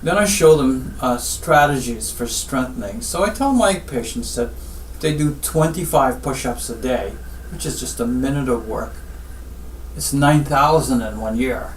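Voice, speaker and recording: A man from Guyana, a spinal surgeon, giving measured advice in an interview and often repeating what he tells his patients. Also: mid-range voice, a little hiss or hum. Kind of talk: interview answers. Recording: roomy, distant mic with faint ambience.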